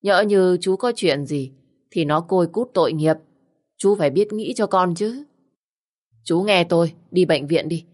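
Woman doing a bossy older relative, stern, scolding, insistent, low voice. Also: measured pace, darkish tone. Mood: persuading.

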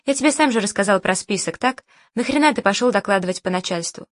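A woman's voice: mid-range voice, lively intonation, quick pace, no room sound, natural voice. A woman reading the part of a male screenwriter who answers bluntly and mockingly, in a dry recording. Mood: defiant.

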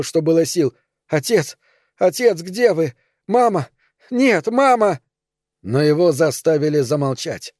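Mellow-voiced male audiobook narrator. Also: mid-range voice, no echo, studio quality. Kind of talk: scripted narration of a dark historical novel.

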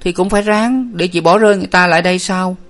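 A man's voice: high voice, quick pace, voice pushed up, lightly acted. A man reading a storybook aloud, voicing a timid, fearful younger sister who whimpers anxiously.

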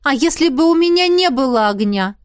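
A woman's voice: high-pitched, expressive, brisk, dry recording, studio quality, voice pushed up. A woman reading an audiobook, voicing a proud young female magic student who speaks sharply and indignantly.

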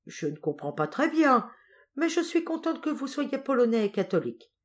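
A woman's voice: sits high, moderate pace, pitched above the performer's own voice. A woman reading a wide-eyed young noble girl. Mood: astonished. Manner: excited, questioning.

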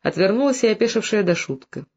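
Audiobook narrator, steady even storytelling, medium pitch, slightly dull muffled recording. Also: fast talker, breathy edge.

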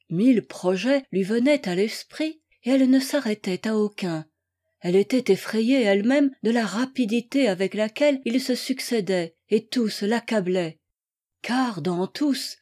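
A woman narrating a classic novel as an audiobook reader, in a measured, expressive way. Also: mid-range voice. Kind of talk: scripted literary narration.

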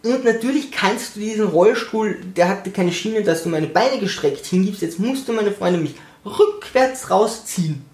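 A man's voice: high-pitched, lively intonation, normal speed, hardly any pauses, darkish tone. A young man telling a personal story in a casual, sarcastic way, acting out the voices of the people he quotes. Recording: roomy echo.

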